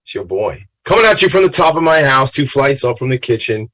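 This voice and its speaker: A middle-aged man with a gravelly, slightly tired voice, hosting a show in an informal, chatty, folksy way. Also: medium pitch, big pitch swings, brisk, fairly bright tone, low-quality recording. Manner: folksy, chatty, self-branding patter. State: a little tired after a late night. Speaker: show host. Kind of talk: informal upbeat talk-show monologue.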